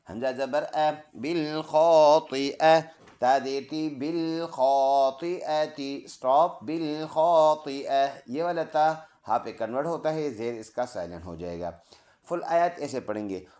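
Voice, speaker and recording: Slow and warm, a medium-pitched man leads a Quran reading lesson in a room full of echo. Each word gets spelled out by letter and vowel before he recites the complete verse.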